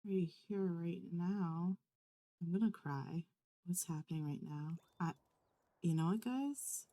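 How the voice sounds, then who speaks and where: A woman's voice: fairly low pitch, measured pace, warm tone. A woman giving let's play commentary on a life-simulation game, telling its story with dramatic exasperation.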